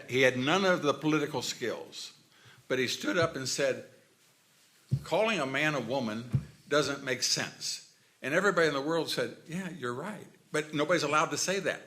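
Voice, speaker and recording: Guy on a forum panel, bright forceful voice, blunt and emphatic. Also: medium pitch. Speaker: forum speaker. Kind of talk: panel remarks.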